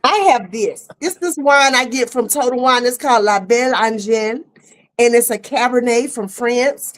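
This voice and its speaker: A middle-aged woman hosting a casual online talk show, lively and laughing, with easy "y'all" talk. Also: a little high, moderate pace. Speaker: host. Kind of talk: casual chat. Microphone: streaming setup.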